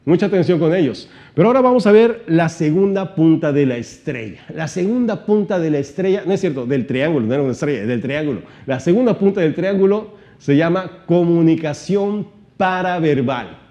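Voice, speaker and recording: A man giving an animated seminar-style teaching talk, shifting his volume and pitch and asking many rhetorical questions. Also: fairly quick. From Mexico. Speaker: motivational trainer.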